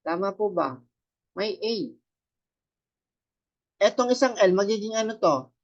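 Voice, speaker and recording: A high-pitched man with lively intonation and an unhurried pace explains katakana in a classroom Japanese lesson. Step by step, he keeps quizzing his students with rhetorical questions to check on them, over dull audio.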